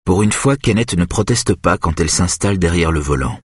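Deep husky audiobook narrator. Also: male voice, lively intonation, brisk, dry recording, studio quality.

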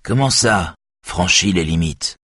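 A man's voice: low voice, expressive, a little slow, sharp tone, breathy edge, no echo, studio quality, heavily acted. A man voicing an adult woman police officer who talks in an urgent, commanding way. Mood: questioning.

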